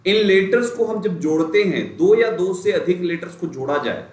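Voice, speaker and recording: A young adult man with a fairly high voice teaches an exam-prep English lesson. He talks straight to his students and repeats key points so they stick. The room gives his voice a roomy echo. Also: moderate pace, darkish tone.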